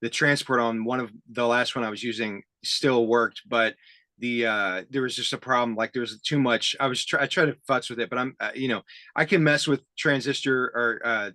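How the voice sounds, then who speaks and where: Hosting a relaxed, casual interview about tape gear, a man speaks in a bright, forward, mid-range voice. He comes across as halting, self-deprecating and enthusiastic. The recording is dry and close, with almost no room sound and no echo.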